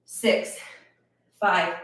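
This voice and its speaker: A woman's voice: drawn-out words, a bit bright. A woman leading a live workout class, counting reps and cheering people on while out of breath. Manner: encouraging, counts reps aloud. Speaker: fitness instructor. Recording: echoey room, voice from a distance.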